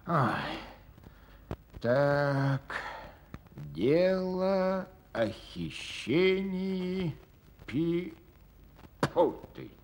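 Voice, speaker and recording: An actor playing a grumbling, dreamy police clerk who mutters theatrically to himself in a radio fairy tale. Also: male voice, medium pitch, slight background noise.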